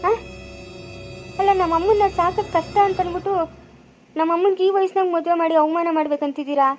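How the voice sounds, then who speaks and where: Woman doing a worked-up young village guy, super high voice, rural chikkaballapura kannada accent, begs and argues. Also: level tone, fairly quick, mellow, soft background music. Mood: protesting. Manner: pleading, protesting. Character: young village man, guilty, pleading son. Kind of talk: amateur village family drama.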